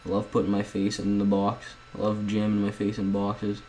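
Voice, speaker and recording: This young man's voice is fairly low and mellow, monotone at a normal speed, as he casually walks viewers through a screen-recorded video editing tutorial from home, rambling and often saying "guys." The recording is rough, with a little hiss or hum.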